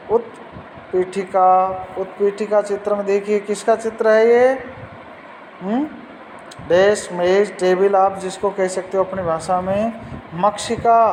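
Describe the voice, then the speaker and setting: Slow high-voiced man teaching. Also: in a large hall, slight background noise, rough recording. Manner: patient, asks pupils questions. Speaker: Sanskrit teacher. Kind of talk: slow explanatory lesson.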